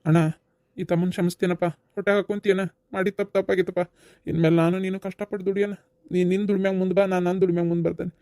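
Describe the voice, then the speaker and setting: A man's voice: high-pitched, level tone, very fast, warm tone, no room sound, clean studio sound. A man with a North Karnataka Kannada accent voicing a humble younger brother who talks in an earnest, apologetic, pleading way.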